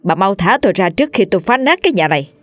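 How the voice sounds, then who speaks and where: A woman's voice: medium pitch, big pitch swings, racing, no room sound, faint music behind, close to an everyday voice. A woman voicing a crazed, violent young son who snarls abuse. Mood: raging.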